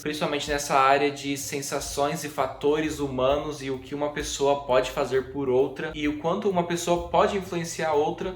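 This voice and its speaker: A young man with a Brazilian accent chatting casually as a book vlogger, informal and repeating phrases for emphasis. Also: on the high side. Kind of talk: casual chat to camera. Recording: echoey room with faint music.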